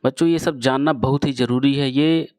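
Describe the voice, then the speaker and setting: A man teaching a chemistry lesson to students, explaining slowly and repeating key phrases as he addresses the class directly. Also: medium pitch, fairly even intonation, darkish tone, no room sound, studio quality. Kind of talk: classroom lecture.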